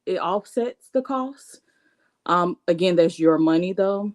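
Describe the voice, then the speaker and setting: A woman's voice: fairly low pitch, lively intonation, a little slow. A woman chatting on a podcast, frank and candid, laughing easily as she shares money tips. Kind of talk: casual podcast chat.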